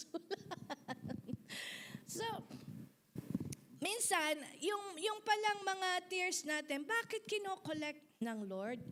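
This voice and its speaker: A woman pastor preaches in a high, bright-pitched voice. Her delivery is animated, and she slips in and out of English while calling on the congregation to answer her. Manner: mixes English into her sermon, animated, laughs often; asks the congregation for responses. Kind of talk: sermon.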